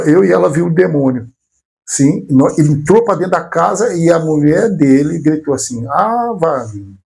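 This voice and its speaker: A man's voice: on the high side, creaky, warm tone. A man with a Brazilian Portuguese accent, a guest giving a testimony, telling his story in casual talk and acting out the voices he quotes.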